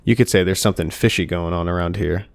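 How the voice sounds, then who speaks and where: A young man narrating a scripted video game review in a steady, dry way with light jokes. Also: low-pitched, fast talker, a little hiss or hum. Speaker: gaming YouTuber. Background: soft background music.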